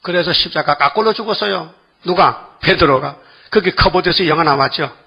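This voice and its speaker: An older male preacher with a husky, slightly raised voice gives a sermon. He keeps pressing the congregation with quick rhetorical questions. The recording sounds dull and lo-fi. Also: on the high side.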